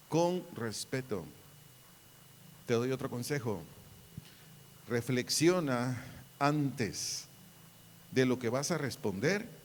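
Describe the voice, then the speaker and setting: A man's voice: mid-range voice, a little hiss or hum. A middle-aged man with a Mexican Spanish accent preaching a sermon, repeating his phrases and calling on the sons and daughters. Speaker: pastor. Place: church hall. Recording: hall reverb.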